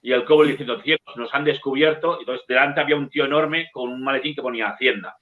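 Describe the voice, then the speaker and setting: A man's voice: medium pitch, rapid-fire. Middle-aged guy from telling stories, cussing, sounds like a phone line. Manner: lively storyteller, swears casually. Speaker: bookseller and guest. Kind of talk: casual anecdote telling.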